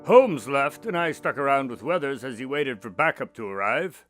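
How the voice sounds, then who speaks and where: An actor playing an affable doctor, the detective's companion, recounting cases conversationally in a radio drama. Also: male voice, mid-range voice, lively intonation, moderate pace, over music, lightly acted.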